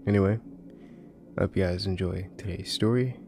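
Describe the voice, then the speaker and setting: A man's voice: deep voice, normal speed, a little hiss or hum. A man hosting and narrating scripted horror stories, recorded in a closet with a slightly muffled home sound. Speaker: horror story narrator and host.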